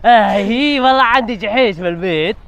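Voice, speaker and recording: A man's voice: sits high, quick pace, creaky, fairly bright tone, clean tone. A man playing a henpecked village husband thrown out by his two wives, complaining dramatically in a comic sketch. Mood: weary. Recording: dull lo-fi sound.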